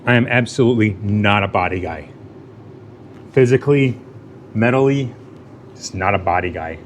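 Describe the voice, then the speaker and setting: A man's voice: on the low side, expressive, normal speed, background noise. A man hosting his own garage vlog, talking casually to himself and the viewers while he works, with self-deprecating jokes and muttered asides. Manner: muttering asides, sometimes whispering. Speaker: garage channel host.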